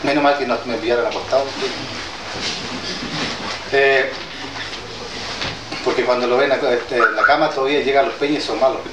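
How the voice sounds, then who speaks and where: A man from southern Chile whose first language is Mapudungun, a traditional healer, gives an informal address to a gathering in an indoor meeting hall with an audience. His medium-pitched voice holds a fairly even intonation, and he speaks haltingly and hesitantly, plainly, with many restarts. The recording is roomy, distant and noisy, as he sounds far off in the echoey hall.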